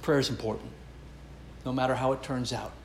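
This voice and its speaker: A man's voice: medium pitch, fairly even intonation, fairly quick, reverberant, a little hiss or hum. A man preaching a sermon as pastor, earnest and emphatic, building and dropping his intensity.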